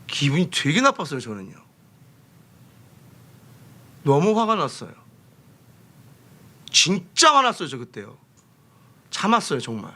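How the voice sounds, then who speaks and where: A man preaching a sermon as pastor, fervent, swinging between loud exclamations and hushed asides. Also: on the high side. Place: church sanctuary.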